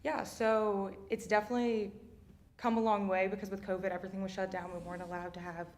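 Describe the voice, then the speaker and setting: A woman's voice: mid-range voice, flat delivery, fast, a little mellow. A young woman being interviewed as a student athlete guest. She answers in an upbeat, chatty way with lots of "you know". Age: young adult.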